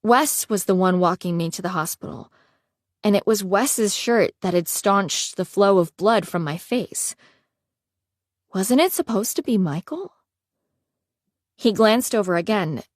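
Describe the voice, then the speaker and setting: A woman reading a first-person romance audiobook in a steady storytelling manner. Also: fairly low pitch, a little slow, no echo, clean studio sound. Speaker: audiobook narrator.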